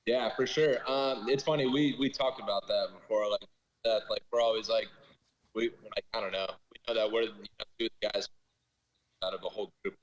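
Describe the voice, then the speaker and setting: A man's voice: on the low side, fairly even intonation, a little fast. A young man, an off-road racer, talking casually and rambling with fillers over a video call whose audio sounds echoey and muffled, as if he were in a cave. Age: young adult. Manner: laid-back, rambling with fillers.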